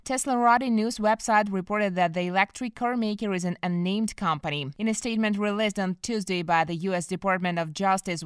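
Smooth, dry woman reading market news. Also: mid-range voice, dry recording. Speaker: news presenter.

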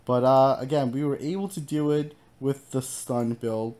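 A man's voice: mid-range voice, steady tone, normal speed, warm tone. A man hosting a gaming channel, giving casual, upbeat gameplay commentary and encouraging viewers with a loose, filler-heavy way of talking.

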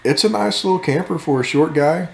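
A man's voice: on the high side, creaky, roomy sound. Laid-back man touring a camper. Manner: laid-back, joking, drawn-out asides. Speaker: RV channel host. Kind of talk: casual walkthrough commentary. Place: inside a camper at an RV show.

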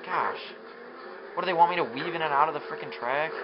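A man giving gameplay commentary, frustrated, swearing and yelling at the game as he plays. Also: on the high side, a little fast. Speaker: let's play commentator. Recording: muffled lo-fi recording with steady noise.

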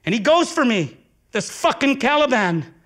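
A man performing an intense, profane theatrical monologue with dramatic swings of pitch and volume. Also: big pitch swings, moderate pace, a bit bright. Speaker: solo stage performer.

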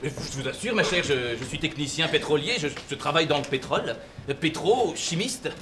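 An actor on a theatre stage playing a pompous, long-winded traveller who lectures about whisky. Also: male voice, on the high side, lively intonation, a little fast, noisy background, lightly acted. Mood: pedantic. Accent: French. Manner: pedantic, fussy, long-winded. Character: pompous middle-aged male whisky-loving traveller. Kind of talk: amateur stage play.

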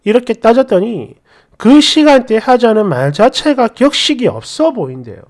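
A woman narrating a first-person story in an indignant, lively manner. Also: on the high side, normal speed. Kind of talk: dramatic story reading.

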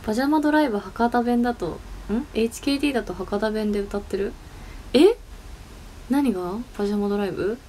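A young woman with a fairly high voice and a chats casually into her phone on a livestream. She giggles often and thanks viewers as she reads their comments aloud. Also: fast talker, warm tone, a little hiss or hum. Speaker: idol livestream host.

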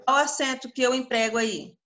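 A woman teacher with a Brazilian Portuguese accent and a high, slightly bright voice gives an online grammar lesson in fairly even intonation. She draws out the syllables of her example words and checks in with the class often. The recording is muffled.

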